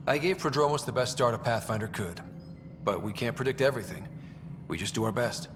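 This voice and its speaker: An actor playing a calm male team leader in a video game, speaking in a measured, even-keeled way. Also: mid-range voice, big-room sound, noisy background, close to an everyday voice. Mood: steady.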